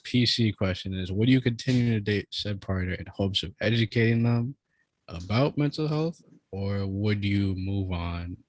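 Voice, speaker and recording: A man's voice: fairly low pitch, normal speed, low-quality recording. A man co-hosting a podcast, presenting a segment in a loose, casual way with many fillers. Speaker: podcast co-host.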